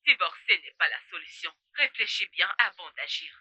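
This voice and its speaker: An actress voicing a mother who urges her grown son to calm down, in a dubbed drama. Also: fairly low pitch, fairly quick, slightly rough, no echo, heavily acted. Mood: admonishing. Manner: calm, admonishing.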